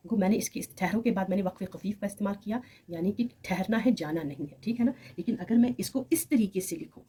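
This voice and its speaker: A woman's voice: mid-range voice, fast talker, mellow, husky. A woman teaching Urdu grammar with an Urdu accent, explaining patiently and speaking examples aloud. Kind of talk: recorded grammar lesson.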